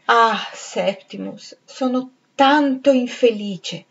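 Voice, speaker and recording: A woman's voice: on the high side, big pitch swings, unhurried. A woman reading aloud, voicing an anxious young wife pleading with her husband in an audiobook, on a slightly dull recording. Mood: unhappy.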